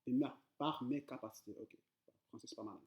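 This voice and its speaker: A medium-pitched man with a darkish tone and brisk pace explains coding in a laid-back tutorial. French isn't his native language, and while he chats informally to viewers, he hesitates, uses many fillers and repeats words.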